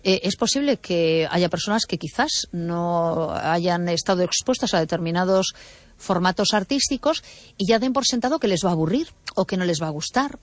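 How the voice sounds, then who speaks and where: A woman hosting a casual radio chat, reflective and calm, often murmuring short agreement. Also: lowish voice, no room sound.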